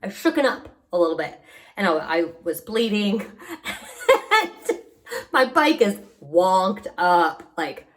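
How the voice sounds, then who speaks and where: A woman's voice: medium pitch, slow. Chatty woman vlogger telling stories. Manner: lively storyteller who acts out what people said. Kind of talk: casual storytelling vlog.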